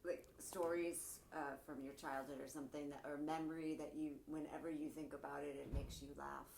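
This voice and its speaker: Low-voiced woman interviewer in an echoey room. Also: flat delivery, fairly quick, vocal fry, darkish tone. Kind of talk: casual interview questions. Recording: roomy, echoey, with background noise.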